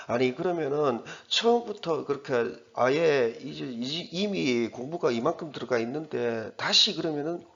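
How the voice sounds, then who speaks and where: A man teaching English, going through an exam passage in a chatty way and reading the English words slowly. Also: medium pitch, vocal fry, muffled recording. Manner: chatty, repeats himself, reads English slowly word by word.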